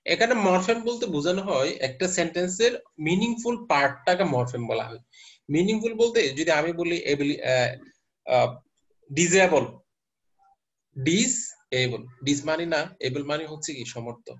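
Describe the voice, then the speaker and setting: A university teacher lectures his class step by step, quizzing students along the way and mixing in English terms. His voice is a little high and very animated, at a normal speed. The class recording is muffled and lo-fi.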